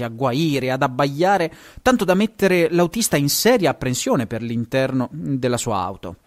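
A man with an Italian accent, reading a story aloud on his show, now and then stumbling and correcting himself. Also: mid-range voice. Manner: lively, stumbles and corrects himself, chuckles at asides. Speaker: podcast host and story reader.

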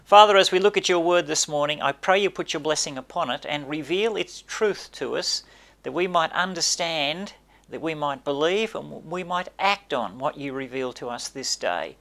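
An older man preaching a sermon in a small church, emphatic and gesturing, his voice dropping low at the ends of points. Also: animated, normal speed, creaky, fairly bright tone. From Australia. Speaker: pastor. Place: small indoor church space by a brick wall.

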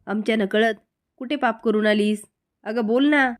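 A distraught aunt who reproaches and interrogates in a raised, somewhat high voice, read aloud by a woman. She keeps firing one demand after another. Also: normal speed, close to an everyday voice. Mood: reproachful. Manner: reproachful, pleading questions.

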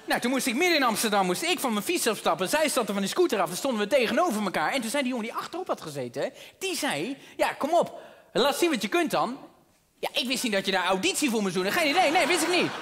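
A male stand-up comedian with a bright, forward tone and a voice that swings freely up and down. He tells self-mocking stories with animated energy, heard from a stage in a reverberant theater with a faint hiss underneath. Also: very high-pitched, fast talker, hardly any pauses. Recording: live theater hall reverb, faint noise.

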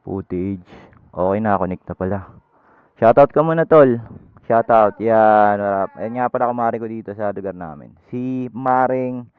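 Here a motovlogger talks at a normal speed in a lowish, clean-toned voice with no room sound, though the helmet intercom gives the audio a dull, lo-fi quality. He's out on his motorcycle making a casual how-to video, chatting loosely and rambling with fillers as he rides.

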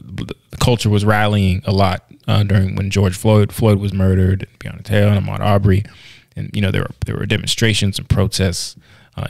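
A man's voice: lowish voice, vocal fry, no room sound. A man co-hosting a podcast in casual chat, talkative, laughing easily and restarting his sentences often. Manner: chatty, laughs easily, many restarts and fillers. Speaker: podcast co-host.

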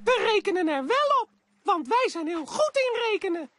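Squeaky cheerful cartoon mouse. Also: big pitch swings, moderate pace, no echo, heavily acted. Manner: bright, encouraging, sing-song counting. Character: cheerful upbeat male cartoon mouse leading kids. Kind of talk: cartoon dub voice acting. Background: music.

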